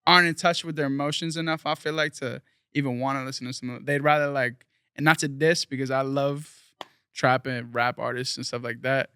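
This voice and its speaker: A man's voice: mid-range voice, level tone, brisk, bright, forceful tone, clean tone, no echo, studio quality. A young man from South Florida, a guest musician talking casually in an interview, rambling earnestly with lots of fillers.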